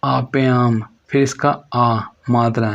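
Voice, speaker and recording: A man teaching an exam-prep grammar lesson, reading from notes slowly and repeating each phrase. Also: medium pitch, flat delivery, vocal fry. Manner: slow and repetitive, restating each phrase. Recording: dull lo-fi recording.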